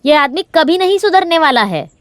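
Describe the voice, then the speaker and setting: A woman's voice: high-pitched, big pitch swings, moderate pace, dry recording, studio quality. An actress dubbing an exasperated, scolding village woman in a film. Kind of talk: dubbed film dialogue.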